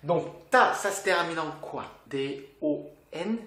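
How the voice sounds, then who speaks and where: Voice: medium pitch, lively intonation, slow pace, sharp tone, roomy sound. A teacher giving a language lesson, patiently explaining and asking the viewer questions. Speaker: Korean teacher.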